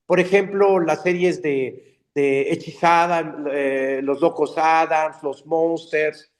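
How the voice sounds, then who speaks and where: An older man, a dubbing actor telling stories in a casual interview, animated and slipping into character voices. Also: a little high, slow pace. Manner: animated, slips into character voices mid-story. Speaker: voice actor and dubbing director guest.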